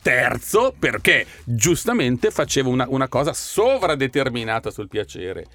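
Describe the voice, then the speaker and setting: A man's voice: medium pitch, sing-song, moderate pace, sharp tone, no room sound. A man commenting on a talk show in an opinionated, emphatic way, often repeating his own phrases.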